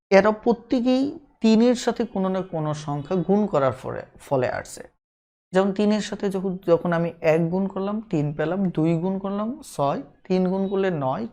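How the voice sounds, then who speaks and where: A woman's voice: lowish voice, warm tone. A woman teaching a math lesson online, patiently repeating key points and putting questions to her viewers.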